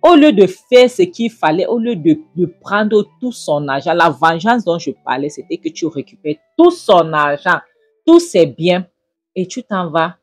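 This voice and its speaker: A woman's voice: sits low, lively intonation, moderate pace, breathy edge, no room sound. A woman voicing a scornful middle-aged mother who hectors and taunts her daughter. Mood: scolding. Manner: taunting, hectoring, rising to loud jabs.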